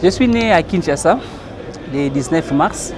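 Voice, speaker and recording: A man's voice: on the high side, animated, a little slow, music in the background. A Congolese man being interviewed as a guest, explaining in French with some Lingala phrases and frequent hesitations. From Democratic Republic of the Congo.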